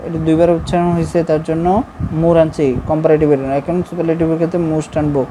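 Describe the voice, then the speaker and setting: A woman's voice: low voice, little pitch movement, fast talker. A woman with a Bangladeshi accent, teaching a grammar lesson and writing as she explains, who repeats her points patiently and keeps checking that students follow. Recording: faint background noise.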